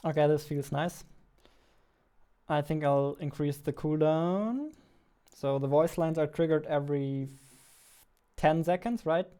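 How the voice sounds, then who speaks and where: Warm and smooth, this young man's voice sits on the high side, running a little slow with frequent pauses. He's a 20-something indie game developer chatting casually as he works on a livestream, using a close boom-arm studio mic in his small home studio.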